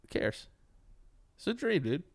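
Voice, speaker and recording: A man's voice: sits high, very animated, measured pace. A young man with a New York accent co-hosting a podcast, joking crudely in casual chat. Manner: crude, joking, laid-back. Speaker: podcast co-host. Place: living room, indoors. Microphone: studio mic on desk stand, headphones.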